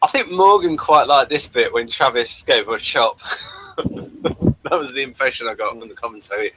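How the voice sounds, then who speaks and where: A man co-hosting a review offers casual, running commentary on a TV episode, rambling and halting and often trailing off mid-sentence. His voice is medium-pitched, bright, and forceful. The audio is poor, with slight background noise.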